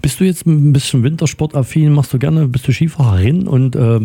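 Middle-aged radio host guy, rambles with lots of ums, super dark voice. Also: on the high side, fairly quick, husky. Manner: rambling, filler-heavy, friendly questions. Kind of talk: casual interview chat.

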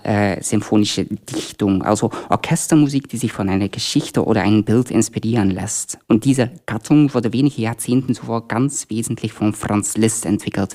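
A man's voice: fairly low pitch, a little mellow. A man from Belgium, a concert dramaturge, eagerly explaining an upcoming symphony concert with frequent fillers. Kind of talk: radio promo talk.

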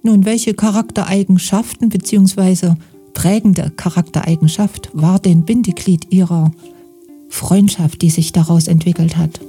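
A woman's voice: on the low side, fairly even intonation, moderate pace, mellow, slightly rough, faint music behind. A woman hosting a radio interview, asking formal, prepared questions. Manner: formal, reads questions from notes. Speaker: radio host.

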